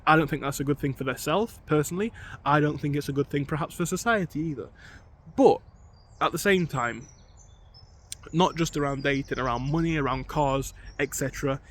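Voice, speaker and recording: A young man with a fairly high voice talks earnestly to the camera, restarting his sentences as he thinks aloud. He is out on a bike ride, and faint outdoor sounds stay under his voice. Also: brisk, slight background noise. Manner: earnest, repeats words while thinking aloud. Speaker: vlogger. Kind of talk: casual talking-to-camera vlog.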